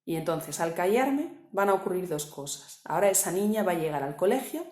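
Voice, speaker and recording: A woman coach, calmly explaining a topic with examples and often checking with the listener. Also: fairly low pitch, a little fast, reverberant. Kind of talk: explanatory talk to camera.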